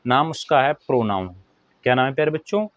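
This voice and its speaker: A man teaching a grammar lesson to children, who asks a question and then answers it himself, and slows right down to dictate definitions. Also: mid-range voice, lively intonation, dry recording, highs cut off.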